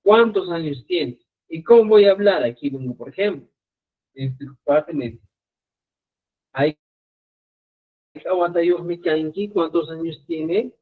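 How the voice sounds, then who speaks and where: Male teacher, live online lesson, patient and full of check-ins, slightly high voice, phone-like sound. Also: a little slow, long pauses. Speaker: language teacher. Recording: tinny phone-like audio.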